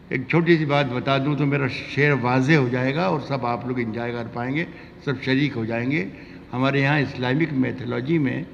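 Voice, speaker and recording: A man with a very creaky voice talks informally to a poetry audience, offering conversational asides and explanations. The sound has long hall reverb and is slightly dull, with faint noise. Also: mid-range voice. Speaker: poet addressing the audience at a mushaira. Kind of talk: informal stage talk between verses. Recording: muffled, noisy recording in a reverberant hall.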